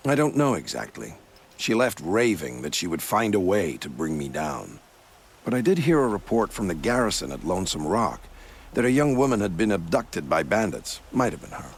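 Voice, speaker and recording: Polished evasive commander, low-ish voice, animated inflection, courteous, game ambience. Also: male voice, moderate pace, a little hiss or hum. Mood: smooth denial. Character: smooth-talking male commander, evasive and polite.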